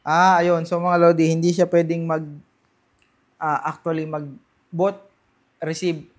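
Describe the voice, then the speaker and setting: A man with a Filipino accent doing a casual hands-on unboxing, halting a little as he thinks aloud. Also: on the high side, little pitch movement. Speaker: gadget vlogger.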